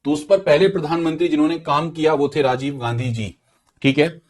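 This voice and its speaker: A man's voice: fairly high pitch, steady tone, fairly quick. A man giving an exam-prep lecture, often repeating key points and quizzing his students while mixing English terms into Hindi. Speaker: teacher.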